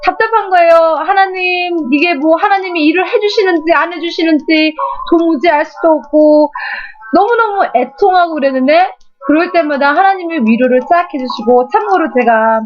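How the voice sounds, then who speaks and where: A woman's voice: extremely high pitch, moderate pace. A woman preacher giving an emotional testimony in a fervent, sometimes tearful voice. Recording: dull lo-fi recording.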